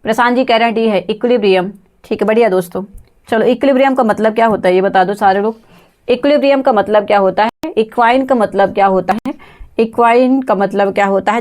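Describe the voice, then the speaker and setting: A woman teaching a live online exam-prep English lesson, calling on students by name, spelling words letter by letter and laughing often. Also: medium pitch. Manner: reads chat names, asks class for answers, laughs often.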